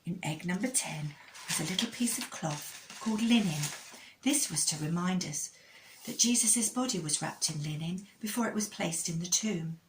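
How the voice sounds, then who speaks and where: Expressive woman, kids show host telling stories. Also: fairly low pitch, normal speed, noisy background. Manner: kids show host, addressing children directly with questions and prompts. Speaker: children's storytime host. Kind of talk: children's storytelling with religious lesson.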